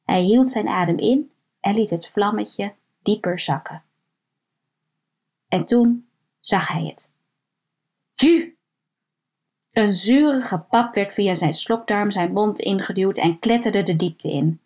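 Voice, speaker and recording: A woman narrating a suspenseful story in a calm, measured way, slowing down at tense moments. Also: medium pitch. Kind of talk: scripted narration of a thriller story.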